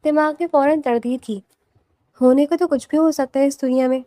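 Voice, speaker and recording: A woman reads a romantic novel aloud in scripted audiobook narration, soft and steady. Her voice sits high, and the recording is close and dry with no room sound. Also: no echo.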